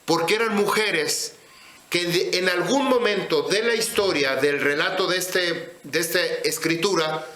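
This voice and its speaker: Slow, bright-voiced male scripture teacher. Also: high-pitched, echoey room. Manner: slow, deliberate, asks listeners questions. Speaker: religious teacher.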